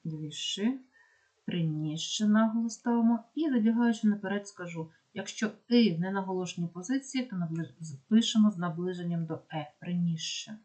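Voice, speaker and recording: A woman with a Ukrainian accent, teaching a pronunciation lesson and slowly spelling out example words with care. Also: mid-range voice, dark tone. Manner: slow, careful dictation of examples. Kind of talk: explaining phonetics lesson.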